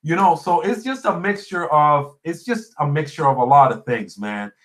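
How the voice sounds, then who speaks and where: His voice is a little high, animated and fairly bright, delivered at a moderate pace. The speaker, a Puerto Rican podcast host and small YouTuber with Spanish as his first language and a Puerto Rican accent, answers live viewer comments in a casual chat, telling stories with emphasis and repeating phrases for effect.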